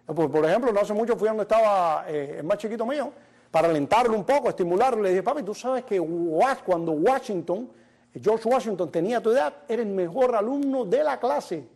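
High-voiced comedy show host. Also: male voice, expressive, fairly quick, a little mellow. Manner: joking storyteller, punchline delivery. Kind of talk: stand-up comedy monologue. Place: television studio.

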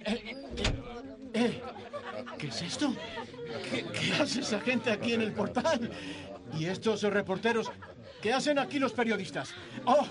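A man's voice: extremely high pitch, lively intonation, measured pace, long pauses, a crowd in the background. An actor playing an emotional middle-aged family man in a dubbed classic film, intense and pleading. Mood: joyful.

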